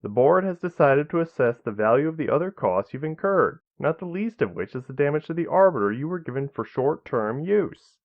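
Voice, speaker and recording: A man's voice: on the high side, big pitch swings, normal speed, narrow, tinny audio, voice pushed up. A man voicing a cool, condescending male corporate representative.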